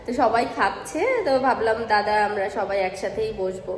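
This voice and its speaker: A woman with a hoarse voice from a cold, vlogging casually and coaxing a toddler in sing-song baby talk at an indoor play area. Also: mid-range voice, fairly quick. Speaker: vlogger and mother. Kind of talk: casual vlog narration and talking to a toddler. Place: indoor play zone in a housing society. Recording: echoey hall with faint noise.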